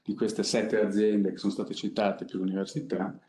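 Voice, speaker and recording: A middle-aged company innovation director presents a project from a panel table, speaking unscripted and conversationally with frequent halting pauses. His low, warm voice shows little pitch movement. The conference room is echoey, with faint background noise underneath.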